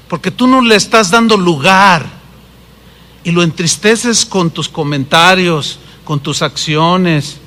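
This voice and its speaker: A Mexican Spanish-accented pastor preaches with a high, bright, ringing voice. He swings from loud, quick bursts to hushed, drawn-out phrases. He is animated and full of drama. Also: long reverb tail. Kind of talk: sermon.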